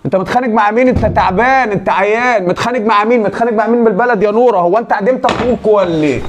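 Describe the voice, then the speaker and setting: A man's voice: high-pitched, racing, slight background noise, close to an everyday voice. A man with an Egyptian accent playing a proud, protective brother who boasts and keeps pressing with questions. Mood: indignant. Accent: Egyptian Arabic.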